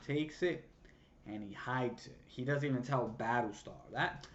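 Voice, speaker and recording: A man excitedly recapping a TV episode in casual slang, acting out scenes with sound effects. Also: mid-range voice, measured pace, very noisy. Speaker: show recap vlogger. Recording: slightly dull lo-fi sound.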